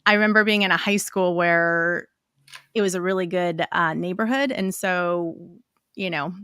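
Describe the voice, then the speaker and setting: A woman's voice: lowish voice, normal speed, pushed and bright, clear, resonant tone, dry recording, clean studio sound. A woman from Chile whose first language is Spanish, chatting openly as a guest on a live stream and laughing easily. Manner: friendly, open, laughs easily. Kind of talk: casual interview chat. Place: live stream video call.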